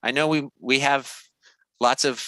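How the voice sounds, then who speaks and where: A man chairing an online business meeting informally, with halting, hesitant phrasing. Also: mid-range voice, fairly even intonation, bright, forceful tone, dry recording.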